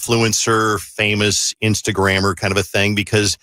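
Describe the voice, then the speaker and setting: A man's voice: on the low side, level tone, normal speed, bright, forceful tone, no echo, studio quality. A man hosting a casual radio chat, acting out imagined remarks as he talks. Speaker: radio show host.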